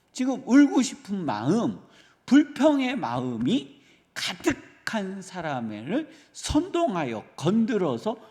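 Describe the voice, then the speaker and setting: A man's voice: on the high side, creaky, a little mellow. A male pastor giving an early-morning sermon, earnestly asking his congregation rhetorical questions. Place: church sanctuary. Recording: reverberant church hall.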